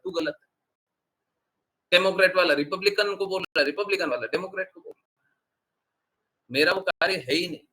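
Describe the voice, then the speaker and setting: Male spiritual teacher, high bright voice, earnest lecturing tone with frequent rhetorical questions. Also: poor audio. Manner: mixes English words into his speech. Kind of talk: devotional discourse.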